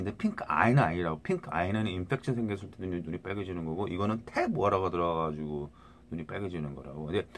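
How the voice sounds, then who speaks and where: A middle-aged man talking to viewers into a phone in a rambling casual monologue, restarting words and often asking "right?". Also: low voice.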